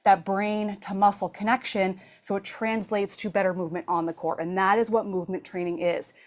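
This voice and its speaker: Breathless woman fitness coach. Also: mid-range voice. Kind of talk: explaining training to a class.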